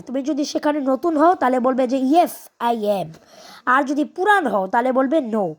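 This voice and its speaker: A woman teaching a video lesson, explaining carefully with frequent hesitations and reading English lines slowly. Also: high voice.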